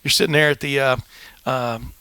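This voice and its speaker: A man's voice: mid-range voice, fairly even intonation, normal speed, sharp tone, clear, resonant tone, dry recording. An older man hosting a podcast, telling long rambling anecdotes in casual chat with lots of fillers, on a dry close mic. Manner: rambling anecdotes with many fillers, acts out quoted voices. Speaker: podcast host, veteran sportswriter.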